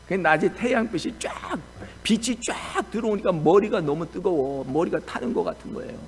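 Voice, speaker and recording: A male pastor preaching a sermon in a lively, animated storytelling style. His voice sits fairly high and swings widely in pitch. It comes across warm and engaged. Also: moderate pace, a little hiss or hum.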